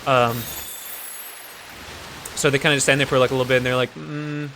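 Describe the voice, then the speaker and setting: A man's voice: mid-range voice, level tone, fast talker, sharp tone, a little hiss or hum. A man improvising a goofy story while streaming a game, rambling with lots of restarts and fillers.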